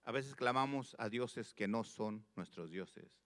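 Guy preaching a sermon, slow and emphatic, repeats lines, asks the people questions. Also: mid-range voice, a bit bright. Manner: slow, emphatic reading of scripture with repeated phrases; addresses listeners directly with questions.

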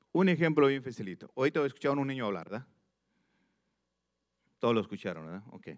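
Delivering a sermon at medium pitch, a man reads scripture deliberately, stressing the words and repeating phrases. He speaks to his listeners directly, asking them questions.

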